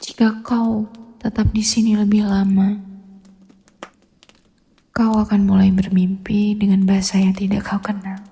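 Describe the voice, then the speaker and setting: A woman's voice: mid-range voice, completely flat delivery, measured pace, creaky, long pauses, dark tone. A woman in an ASMR role-play, playing a mysterious, seductive castle woman with a sultry, teasing delivery. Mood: hushed, sultry, ominous. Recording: long reverberant hall echo.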